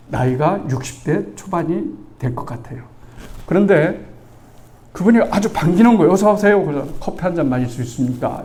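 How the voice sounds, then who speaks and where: In a storytelling sermon, a pastor in his sixties with a gravelly, mellow voice pitched somewhat high for a man tells a personal story. He keeps it conversational and animated, acting out the dialogue and asking the congregation for agreement.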